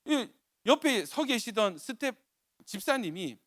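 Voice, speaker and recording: Young male pastor preaching, very high voice, animated delivery, bright and dry close sound. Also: unhurried, no echo. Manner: animated storytelling, repeated exclamations. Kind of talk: sermon.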